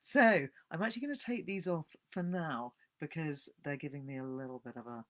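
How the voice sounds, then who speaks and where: A woman, giving a casual, animated live-stream talk on books and greeting viewers as they join. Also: low-pitched, fairly quick. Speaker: bibliotherapist hosting a live book talk.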